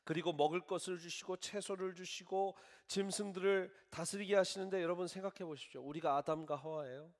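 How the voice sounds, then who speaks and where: A male pastor preaching a sermon, lively and acting out little scenes of dialogue in different voices. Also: high voice, brisk, hardly any pauses. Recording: long reverb of a large church hall.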